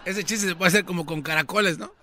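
Un copresentador que bromea y sigue el juego. Voz aguda y muy brillante, con un leve ruido de fondo. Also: male voice, high-pitched, quick pace, sharp tone, a little hiss or hum. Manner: bantering, laughing along. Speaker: podcast co-host. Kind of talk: casual comedy chat.

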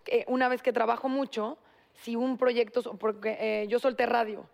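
A woman, a panelist telling a story in a relaxed, conversational way during a casual chat. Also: a little high, moderate pace, creaky.

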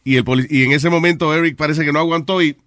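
A man hosting a call-in radio show, chatting in an animated way, laughing loudly and mixing Spanish with English. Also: on the high side, quick pace, no room sound, studio quality. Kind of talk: casual radio banter with callers.

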